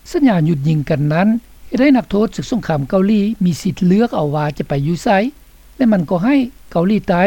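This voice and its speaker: A woman's voice: lowish voice, warm tone, dry recording. A woman reading scripted documentary narration for a radio report. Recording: dull, slightly lo-fi, dry studio sound.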